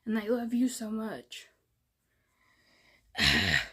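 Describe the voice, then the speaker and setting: A woman's voice: mid-range voice, wildly swooping pitch, slow, bright, forceful tone, husky. A woman chatting casually to her viewers in a folksy, rambling way, with lots of fillers. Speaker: vlogger. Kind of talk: casual chat to camera.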